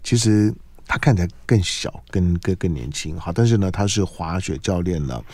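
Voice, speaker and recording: A man's voice: low-pitched, lively intonation, moderate pace, darkish tone, no echo. A man with a Taiwanese Mandarin accent hosting a casual morning radio show, often repeating and restarting his phrases. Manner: repeats and restarts phrases, punctuates with filler particles. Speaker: radio host.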